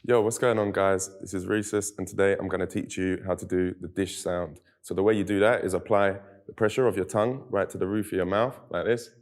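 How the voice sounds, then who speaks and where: A man's voice: sits low, steady tone, brisk, hardly any pauses. A man giving a laid-back, friendly beatbox tutorial. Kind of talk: casual tutorial.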